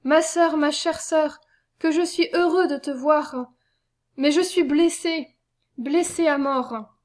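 A woman voicing a dying young male soldier, gentle and devout, speaking faintly. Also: high-pitched. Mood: weak. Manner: faint, fading, slowing speech.

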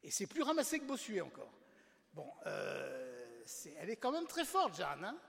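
A man's voice: a little high, huge pitch swings, normal speed, vocal fry, fairly bright tone. A man who wrote a book, talking informally to an audience in a chatty way with wry asides and frequent restarts. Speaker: author presenting his book. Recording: long hall reverb.

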